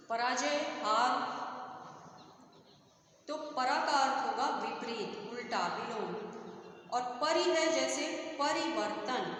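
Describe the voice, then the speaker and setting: A woman teaching a Hindi grammar lesson, explaining slowly and patiently and often checking "theek hai" with her students. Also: high voice, a bit bright. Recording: very echoey room with long reverb, faint noise.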